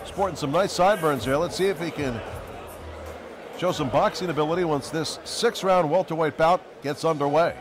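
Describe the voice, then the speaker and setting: A man's voice: fairly high pitch, moderate pace. A man giving broadcast sports commentary as a boxing announcer at an event. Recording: music and crowd behind commentary. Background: loud music and crowd.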